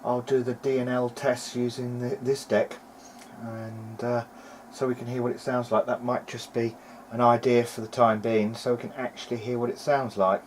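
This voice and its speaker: A home hobbyist restoring old audio gear comments unscripted from behind his handheld camera, tentative as he works things out. His medium-pitched voice moves little in pitch and keeps a normal speed, over noticeably noisy amateur sound.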